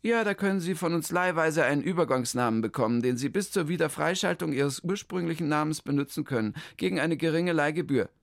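A man voicing a fussy, brisk female office clerk in a children's story. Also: fairly high pitch, animated, creaky, no echo, studio quality, voice pushed up. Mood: officious. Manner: brisk bureaucratic chatter.

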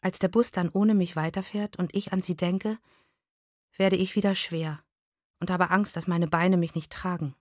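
A woman reading a novel aloud in the first person, measured and expressive. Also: lowish voice, no room sound, studio quality. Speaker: reader. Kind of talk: literary reading.

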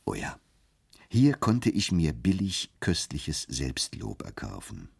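A man giving a measured, expressive first-person narration of a literary story. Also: rumbling low, vocal fry, slightly rough. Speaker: audiobook narrator.

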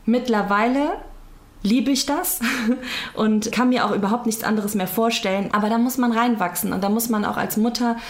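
A woman's voice: fairly high pitch, moderate pace. A woman in her thirties from Germany, speaking candidly and reflectively as an interview guest. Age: 30s. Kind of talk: conversational interview.

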